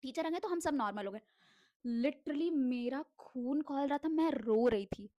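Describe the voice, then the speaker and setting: A young woman telling a casual storytime about her school days, animated, swearing freely and mixing in English words. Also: high-pitched, unhurried, no echo, muffled recording.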